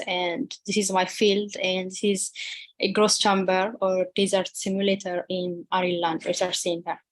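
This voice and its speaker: A young woman from Ethiopia, a PhD student, giving a halting webinar presentation with many fillers and restarts over a video call. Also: medium pitch, no room sound.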